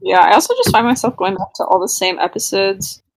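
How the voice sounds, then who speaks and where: A woman's voice: medium pitch, fairly quick, vocal fry, no echo, rough recording. A young woman in casual fan chat, joking and acting out lines. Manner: expressive, jokey, quotes people. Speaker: podcast co-host. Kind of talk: casual chat among fans.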